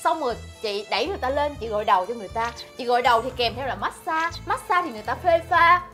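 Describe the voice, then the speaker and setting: A blunt, sarcastic older sister who runs a hair salon. Her voice is high and bright, and she fires off scolding lines at a quick clip. Light music plays underneath. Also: expressive. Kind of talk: sitcom acting.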